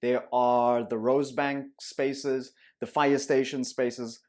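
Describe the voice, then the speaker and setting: A man's voice: mid-range voice, level tone, slow pace, a little mellow. A young man, co-hosting a casual podcast chat, earnest and rambling with restarts. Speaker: podcast co-host.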